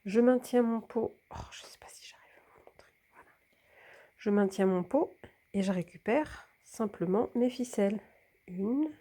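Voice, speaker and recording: Her voice is medium-pitched and warm, moving at a moderate pace with long pauses. She's a plant vlogger with a mild cold, sounding somewhat congested as she handles a hanging plant on camera, chatting casually and often lowering to a whisper.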